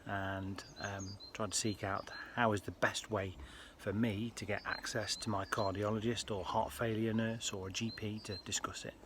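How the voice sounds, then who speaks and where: A British man speaking casually to viewers in a personal health vlog, with an earnest, halting delivery. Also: lowish voice, flat delivery. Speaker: health vlogger. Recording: faint ambient background noise.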